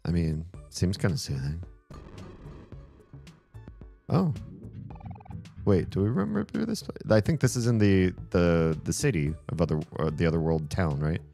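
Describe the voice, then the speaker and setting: A man's voice: deep voice, big pitch swings, moderate pace, creaky, long pauses, mellow, faint music behind. A man streaming a game, chatting casually in rambling, self-deprecating asides. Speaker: streamer voicing game characters.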